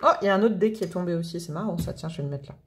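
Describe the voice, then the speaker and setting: A woman's voice: fairly low pitch, very fast, noisy background. A woman giving a casual spoken tarot reading, chatty and thinking aloud with many fillers and restarts. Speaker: tarot reader.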